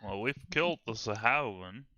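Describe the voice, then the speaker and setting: A man playing a tabletop game, chatting in a lively, joking way. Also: on the low side, moderate pace, no room sound, lo-fi sound. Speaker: player. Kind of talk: casual tabletop game chat.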